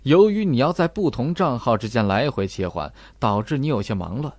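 Here a man acts out an audiobook character: a cold, probing investigator building an accusation piece by piece from the evidence. He speaks briskly and expressively at medium pitch, recorded without any echo.

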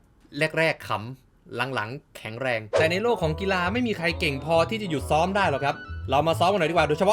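A man giving casual, excitable gameplay commentary, swearing freely and calling plays like a sports caster. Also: on the high side. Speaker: gaming YouTuber.

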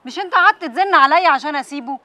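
Fading singer, very rapid bright voice, anxious and accusing,. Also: female voice, high voice, expressive, dry recording. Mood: worried. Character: fading pop singer, worried and resentful.

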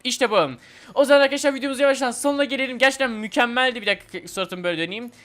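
A young man commentating a platform game for viewers, excitable and chatty, often talking to the game itself. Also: very high-pitched, rapid-fire. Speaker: gaming video host. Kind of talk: excited let's-play commentary.

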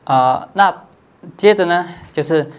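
In a clear, resonant, high-pitched tone, a man who teaches as a Buddhist monastic lectures on the dharma. His manner is patient and explanatory, with frequent pauses on long filler particles and checks on whether listeners are following.

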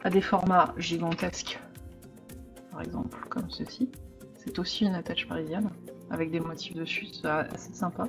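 A woman's voice: on the low side, steady tone, moderate pace. Hesitant woman crafting, music behind. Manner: thinking aloud, many hesitations; occasional hushed asides. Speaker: crafting vlogger. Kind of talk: casual crafting tutorial. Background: background music.

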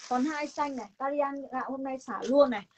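High-pitched Northern Vietnamese saleswoman, live pitch. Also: fairly quick, a little hiss or hum. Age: young adult. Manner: insistent, repetitive selling with emphatic promises. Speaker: online clothing seller hosting a livestream sale. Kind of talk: live sales pitch, casual chat to viewers. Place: room stacked with clothing stock, indoors.

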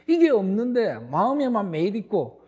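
A man's voice: high-pitched, big pitch swings, normal speed, mellow, slightly rough. A middle-aged male pastor delivering a sermon, stressing words emphatically and turning to the congregation with asides.

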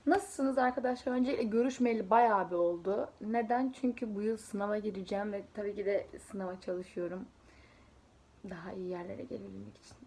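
A woman's voice: medium pitch, dark tone, breathy edge. A young woman vlogging casually, a student chatting to her viewers and rambling through her stories with asides and giggles. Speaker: student preparing for an exam. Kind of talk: casual storytelling to camera.

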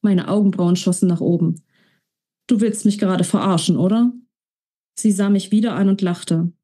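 A woman author reading aloud from her own romance novel in a calm, measured storytelling voice. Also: medium pitch, breathy edge. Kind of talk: audiobook-style reading.

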